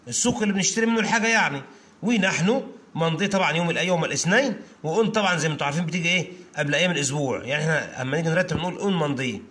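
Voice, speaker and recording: A man with an Egyptian Arabic accent teaching an English lesson to children. He repeats phrases slowly, word by word, and often calls out to his pupils. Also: a little high, fairly bright tone.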